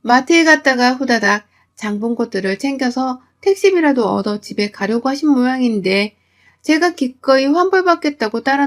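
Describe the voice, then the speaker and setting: A middle-aged woman telling her own family story in the first person, in a bitter, matter-of-fact way. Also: a little high.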